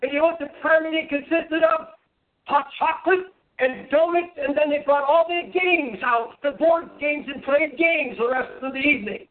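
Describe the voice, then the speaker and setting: A man preaching an impassioned sermon as a pastor, with forceful, emphatic declamation. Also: very high voice, normal speed. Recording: narrow, phone-like band-limited sound.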